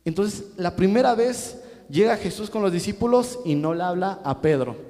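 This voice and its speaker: Male preacher, rhetorical questions to the congregation, mellow voice, long church hall echo. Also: high voice, lively intonation, normal speed. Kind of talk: sermon. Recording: echoey hall reverb.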